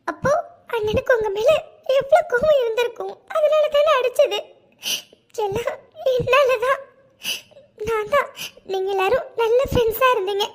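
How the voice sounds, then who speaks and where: Very high, anxious young cartoon woman voiced by a woman. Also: moderate pace, pauses often. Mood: guilty, upset. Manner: keeps asking questions, fretful and apologetic. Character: anxious young woman in love, worried and guilty. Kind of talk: cartoon dialogue.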